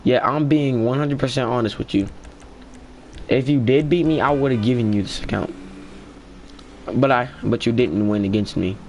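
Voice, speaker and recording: A man's voice: mid-range voice, steady tone, normal speed, slight background noise. A young man casually narrating a gaming story in a slangy, swearing storytime style. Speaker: gaming vlogger.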